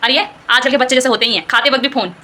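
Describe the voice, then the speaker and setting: A young woman vlogging with a Garhwali-tinged Hindi accent, teasing and coaxing a small child in loud, high bursts, then narrating her day casually. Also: racing. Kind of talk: casual family vlog.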